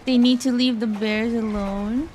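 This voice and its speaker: High-voiced woman streaming a game. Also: fairly even intonation, measured pace, a little mellow, slight background noise. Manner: reactive, chatting to viewers. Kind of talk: casual live gameplay chat. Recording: game music behind voice.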